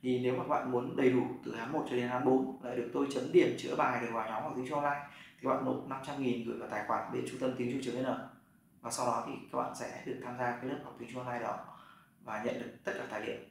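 A man's voice: medium pitch, little pitch movement, fast talker, vocal fry. A man teaching an online Chinese lesson, talking directly to his learners. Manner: direct, talks straight to learners. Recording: very echoey room, mic far off, faint background noise.

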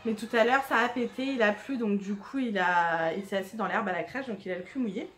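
A woman's voice: mid-range voice, a little fast, faint music behind. A young woman chatting casually at home as a vlogger, full of fillers and asides. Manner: chatty, many fillers, drops to a hushed murmur in the evening. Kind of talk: casual chat.

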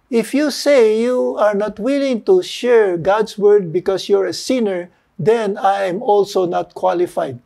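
An older man giving an earnest sermon, halting now and then with fillers. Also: sits high, gravelly, mellow. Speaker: lay preacher.

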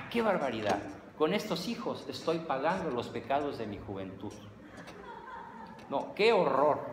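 A man with a Mexican accent voicing a self-pitying woman who sighs and laments constantly, in an echoey hall. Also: medium pitch. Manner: sighing, lamenting. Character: plaintive woman, professional complainer. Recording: echoey hall, faint noise.

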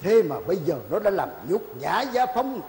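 A proud older patriarch on stage. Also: male voice, sing-song, moderate pace, a little mellow. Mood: anguished. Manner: booming, declamatory. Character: older wealthy patriarch, proud, hospitable, quick to outrage. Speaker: stage actor. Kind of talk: stage play acting. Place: theater stage. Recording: stage with long reverb and music.

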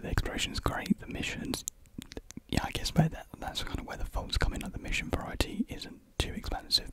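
A young adult ASMR creator whispers softly and breathily, fully unvoiced, right up against a large desk condenser mic in a small indoor room with painted block walls. His chat is casual and rambling, and the recording quality is low.

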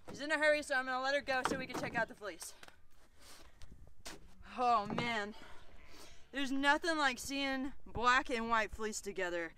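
Bright-voiced enthusiastic American shearer. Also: high-pitched, a little hiss or hum. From United States. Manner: enthusiastic, admiring, talks while handling fleece. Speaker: sheep shearer. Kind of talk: casual vlog commentary.

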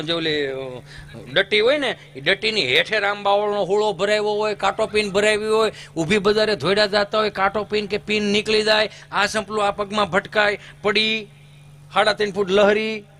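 A man's voice: high-pitched, fairly even intonation, normal speed, pushed and bright. A man with a Kathiyawadi Gujarati accent telling folk comedy stories on stage, acting out village characters with sudden voice shifts. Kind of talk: stage comic storytelling.

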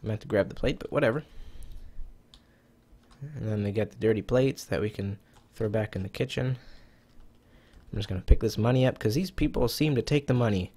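A gaming YouTuber chats casually to himself while playing a browser cooking game, cursing now and then and sounding slightly out of breath. His voice is on the low side and mellow, and he talks fairly quickly with long pauses. The recording is rough.

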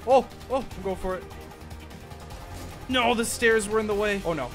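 A man's voice: sits high, normal speed, faint music behind. A man talking through a voice changer, hyped up while playing an online game. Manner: hyped, shouts during fights. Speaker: gaming YouTuber. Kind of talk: excited gameplay chatter.

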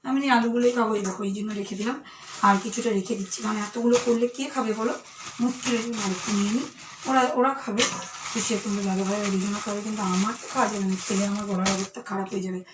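Hoarse woman chatting fast to viewers. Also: medium pitch, fairly even intonation, background noise. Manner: chatty, addresses viewers directly. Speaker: lifestyle vlogger. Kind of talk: casual home vlog narration. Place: home kitchen and balcony.

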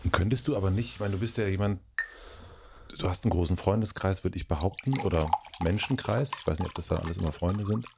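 A man's voice: low voice, fast, gravelly, background noise. A man hosting an interview, asking probing follow-up questions and giving short affirmations. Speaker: podcast host.

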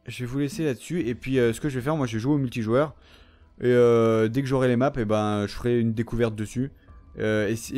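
A man's voice: mid-range voice, darkish tone. A young man giving casual gameplay commentary, rambling with lots of fillers and frequent swearing. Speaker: gamer.

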